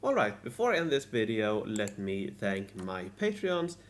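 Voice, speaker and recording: A man's voice: fairly low pitch, sing-song, moderate pace, noisy background. A man narrating a scripted recap of his strategy game week, restarting and repeating his lines. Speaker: gaming video creator.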